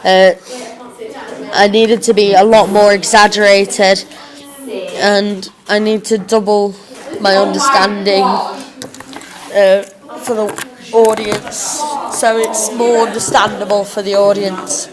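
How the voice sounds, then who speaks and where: A young woman speaks in a slightly rough, working-class English accent with a chavvy edge. She gives an informal reflection at a slow, halting pace, thinking aloud as she goes. Chatter from other people is clearly audible behind her. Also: mid-range voice, level tone. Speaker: drama student recording a reflective blog. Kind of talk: informal spoken self-review.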